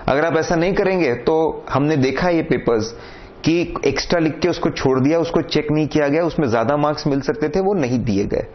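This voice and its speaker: Indian male lecturer, instructive and direct, slightly high voice, muffled recording. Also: fairly quick. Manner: direct, repeats "correct?" and "theek hai", instructive. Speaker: exam coaching lecturer. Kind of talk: lecture mixing Hindi and English. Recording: dull lo-fi sound with faint noise.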